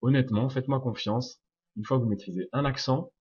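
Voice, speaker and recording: A young man, a native French speaker, teaches English pronunciation in a video lesson, explaining step by step and repeating sounds slowly. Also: mid-range voice, darkish tone, husky. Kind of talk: video lesson answering viewer questions. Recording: dull lo-fi sound.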